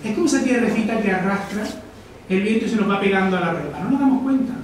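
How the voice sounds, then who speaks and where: In a live talk, a lecturer from Almería, Spain, speaks fast in a high-sitting voice, musing reflectively and asking the audience questions often. A distant mic in an echoey hall picks him up along with slight background noise.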